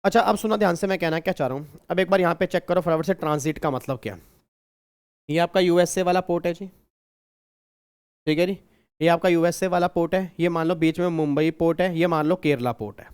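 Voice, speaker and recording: High, clear-voiced male tax teacher. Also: brisk. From Kurukshetra, India. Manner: teasing, repetitive, asks the class questions. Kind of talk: online class lecture.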